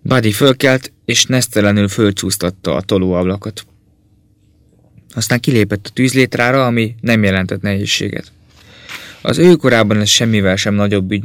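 A man narrating an audiobook in a calm, measured reading voice. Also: lowish voice, no room sound.

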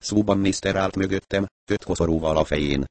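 A man narrating an audiobook in a steady storytelling manner. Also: sits low, no echo. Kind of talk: scripted narration.

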